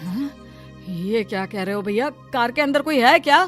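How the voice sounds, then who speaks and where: A woman voicing a poor, brave laborer husband in a cartoon story, earnest and quick to exclaim. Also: on the high side, lively intonation, fairly bright tone, soft background music. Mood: alarmed. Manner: earnest, exclaims "arey" a lot. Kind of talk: Hindi cartoon story dubbing.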